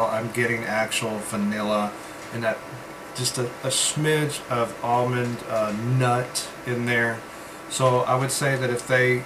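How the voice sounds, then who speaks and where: Halting man reviewing products over background hum. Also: medium pitch. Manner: rambling, halting delivery with pauses as he tastes. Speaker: vape reviewer. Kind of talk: casual product review vlog. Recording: steady background hum, like air conditioning.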